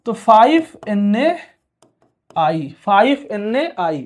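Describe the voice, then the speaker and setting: High-voiced male teacher drilling exam answers. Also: sing-song, very slow, darkish tone. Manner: asks questions aloud and answers them himself; repeats key terms several times over. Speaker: chemistry teacher. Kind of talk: exam-prep classroom lecture.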